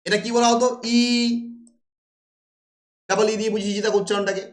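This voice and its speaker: A man with a high-pitched voice gives a classroom lecture. He poses rhetorical questions and answers them himself. The sound rings around a roomy, echoey space. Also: little pitch movement, a little fast. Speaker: teacher. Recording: roomy echo.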